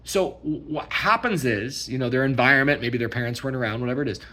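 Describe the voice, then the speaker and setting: Casting: husky-voiced man, mid pitch, rambling emphatic rant, frequent "okay?". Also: fast, pushed and bright. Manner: emphatic, repetitive, keeps asking "okay?". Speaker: vlogger. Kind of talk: casual ranting monologue.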